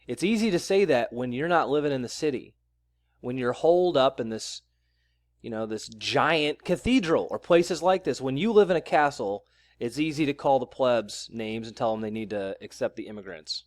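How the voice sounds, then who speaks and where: A man's voice: medium pitch, lively intonation, normal speed, dry recording, clean studio sound. A man vlogging in a blunt, sarcastic ranting style. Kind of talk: ranting commentary vlog.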